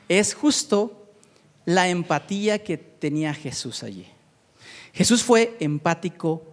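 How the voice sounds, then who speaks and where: A man preaching a sermon, reading scripture and explaining it with many restarts and repeated words. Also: on the high side. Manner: expressive, repeats words and restarts while searching for them; reads scripture aloud then explains it to the congregation. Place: church hall. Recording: long hall reverb.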